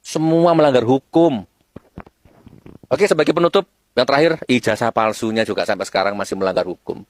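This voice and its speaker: A man delivering a scornful, fiery rant with sudden high-pitched outbursts. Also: brisk. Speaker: preacher-style political commentator. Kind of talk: ranting monologue.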